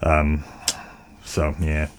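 A man's voice: a bass voice, monotone, very slow. A man hosting a casual video game chat, swearing freely, with slightly impeded speech after dental work. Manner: casual, profane. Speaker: podcast host.

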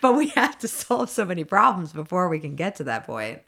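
A low-pitched woman in her thirties chats as a podcast guest, animated and outspoken, often breaking into laughter. Her talk is loose and frank, with a casual swear now and then. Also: brisk, vocal fry. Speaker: housing advocacy group leader, guest.

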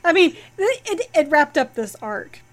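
Slightly high-voiced woman podcast co-host. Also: very animated, normal speed. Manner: rambling plot recaps with fillers and restarts. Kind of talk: casual podcast chat.

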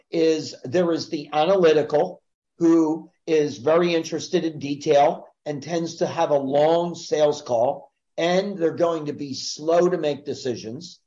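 Assertive guy explaining sales stuff on a podcast, kinda high voice, muffled lo-fi audio. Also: dark tone. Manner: assertive, emphatic teaching. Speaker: sales trainer guest. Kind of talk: podcast interview.

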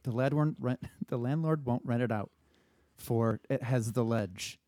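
A man with a dark, mellow voice of middle pitch. He co-hosts a comedy podcast in casual, tongue-in-cheek storytelling style, recorded dry. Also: a little slow, no room sound. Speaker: podcast co-host.

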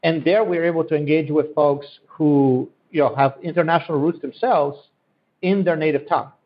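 The audio is dull and lo-fi as a podcast guest working in economic development gives earnest, promotional answers, frequently repeating himself. Born in Poland and raised in Germany, this native Polish speaker from Central Europe has a slightly high voice and a moderate pace.

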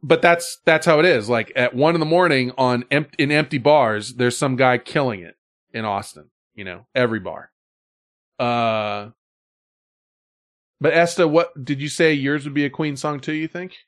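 Male podcast host, middle-aged, medium pitch, loose rambling casual talk, salty language. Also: normal speed, fairly bright tone. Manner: rambling, profane. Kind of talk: casual chat.

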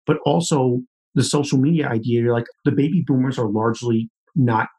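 A man's voice: mid-range voice, a little fast, warm tone, low-quality recording. Thoughtful podcast host man in his thirties. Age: 30s. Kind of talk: interview conversation.

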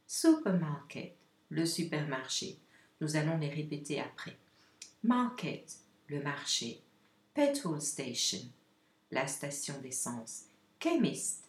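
A woman hosting a podcast language lesson, saying model phrases slowly and carefully for listeners to repeat. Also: low-pitched, roomy sound. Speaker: English teacher and podcast host.

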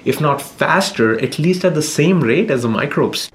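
A man's voice: fairly high pitch, lively intonation, moderate pace. A man, a scientist, explaining his work informally in an interview in a lab. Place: indoors in a lab. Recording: faint room noise on location. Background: faint noise, room ambience.

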